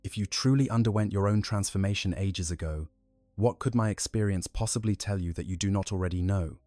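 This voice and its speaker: A man's voice: low-pitched, a little fast, warm tone, dry recording, faint music behind, natural voice. A man voicing a stern, dogmatic male space marine dreadnought in a firm, clipped way.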